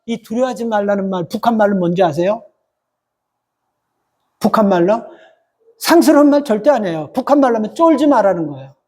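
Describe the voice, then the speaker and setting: Man, pastor, middle-aged, high-pitched, emphatic, repetitive sermon style. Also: expressive, a little fast, pauses often, warm tone. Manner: emphatic, repeats phrases for stress.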